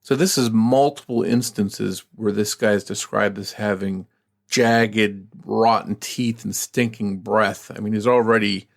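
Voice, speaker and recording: A low, gravelly man's voice with plenty of fry, co-hosting a true crime podcast. He reads case details steadily and then muses aloud, halting and restarting as he thinks. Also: fairly even intonation. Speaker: podcast co-host.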